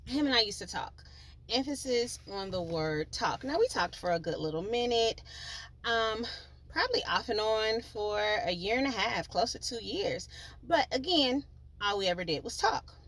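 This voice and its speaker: A woman hosting her own podcast, telling a life story in a chatty, slangy, animated way, with sons at home. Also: a little high, moderate pace. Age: adult, with children. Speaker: podcast host. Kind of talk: storytelling monologue.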